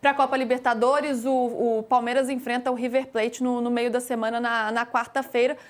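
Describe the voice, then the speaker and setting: A Brazilian woman hosts a studio football debate, her voice set high. She is lively and brisk as she hands the floor to the panelists. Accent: Brazilian Portuguese. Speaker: TV sports show host.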